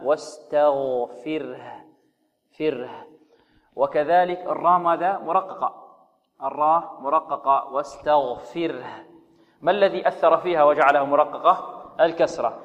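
Man teaching Quran recitation, reverberant and muffled. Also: a little high. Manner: explains slowly, asks rhetorical questions, models recitation. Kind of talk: tajweed lesson with recited examples.

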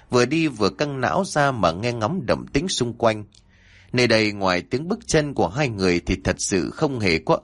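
Male horror narrator: low register, animated delivery, does the character voices himself. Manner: voices characters' dialogue with shifting pitch. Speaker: storyteller.

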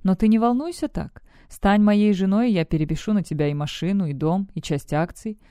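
A woman's voice: mid-range voice, normal speed, dark tone, clean tone, no echo, studio quality, close to an everyday voice. A woman reading the part of a cynical, scheming young man in an audiobook, in a smug and brusque manner. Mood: gloating.

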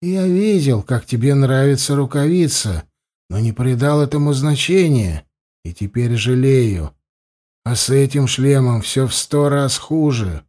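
A man's voice: medium pitch, animated, a little slow, a little mellow, close to an everyday voice. A man voicing an irritable young priest who scolds his companion in an audiobook. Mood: patient. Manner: exasperated, scolding.

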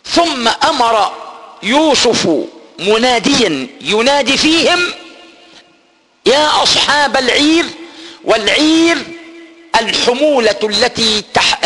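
A man teaches scripture in a very high, bright voice. He retells the story, explains the old words and slowly chants the verses. Long reverb from a hall trails behind him. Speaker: Quran teacher. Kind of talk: Quran exegesis lesson.

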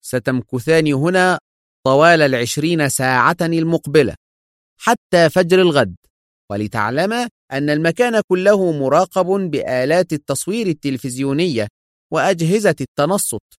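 A man voicing a composed male secret agent hero in an audiobook, speaking calmly and firmly. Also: mid-range voice, brisk, no echo, studio quality, pitched above the performer's own voice, natural voice. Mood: stern. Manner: calm, firm, controlled.

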